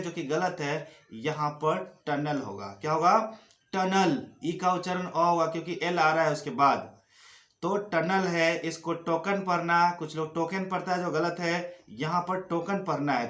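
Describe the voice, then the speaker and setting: A man teaching English pronunciation in Hindi, saying each example word slowly and repeating it twice. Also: high voice, fairly bright tone, reverberant, lo-fi sound.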